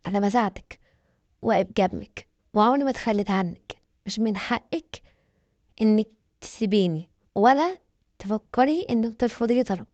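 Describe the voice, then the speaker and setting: A woman's voice: mid-range voice, expressive, fairly quick, long pauses, darkish tone, dry recording, highs cut off, natural voice. A woman with an Egyptian accent voicing a manipulative, possessive teenage schoolboy in a spoken story, in a persuasive, pushy manner. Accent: Egyptian Arabic. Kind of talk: storybook narration.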